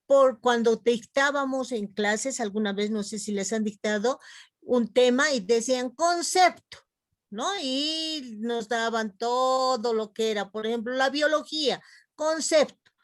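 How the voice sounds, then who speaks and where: A woman teaching a class, explaining slowly and warmly addressing her students as young ones. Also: a little high, no echo, studio quality. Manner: slow, explanatory, calls students "jovencitos". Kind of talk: online class lecture.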